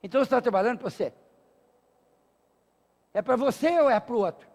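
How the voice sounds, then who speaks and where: A man's voice: very high voice, a little fast, gravelly, a little mellow. A man lecturing a class at a spiritist center, emphatic and rhetorical, acting out little dialogues to make his points. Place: lecture hall of a spiritist association. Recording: long hall reverb.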